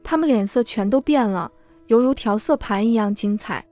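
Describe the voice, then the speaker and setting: A woman reading a first-person drama story aloud in a steady, measured way. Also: fairly high pitch, dry recording, soft background music. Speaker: story narrator.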